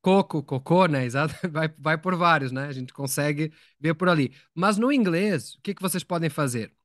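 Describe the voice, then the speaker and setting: A man's voice: fairly high pitch, normal speed, a bit bright, dry recording, clean studio sound. A man teaching English in a live online lesson, explaining patiently, repeating words and asking his students questions.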